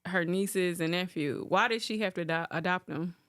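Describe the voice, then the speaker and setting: A woman's voice: on the low side, normal speed, no echo, clean studio sound. Chatty woman hosting a podcast. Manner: chatty, animated, teasing. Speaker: podcast host. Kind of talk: casual podcast interview.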